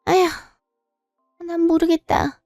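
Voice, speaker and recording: A woman's voice: extremely high pitch, monotone, slow, darkish tone, no echo, clean studio sound, soft background music, pitched above the performer's own voice, heavily acted. A woman voicing a reproachful, pushy middle-aged mother-in-law who talks down and scolds in a story reading. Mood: sulky, defensive.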